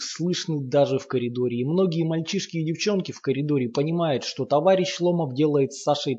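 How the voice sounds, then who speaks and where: A man narrating a horror novel in a grim, steady storytelling manner, in a muffled lo-fi recording. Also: mid-range voice, husky. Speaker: audiobook narrator.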